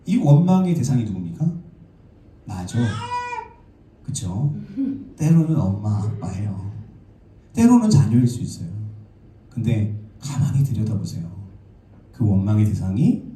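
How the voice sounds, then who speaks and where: A Korean man preaches in a lively, sing-song way. His voice is dark and mellow, and it rings through a roomy church from a mic some way off. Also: medium pitch, far from the mic. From South Korea. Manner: lively storytelling preacher, asks the congregation questions. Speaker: pastor. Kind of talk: sermon. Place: church sanctuary.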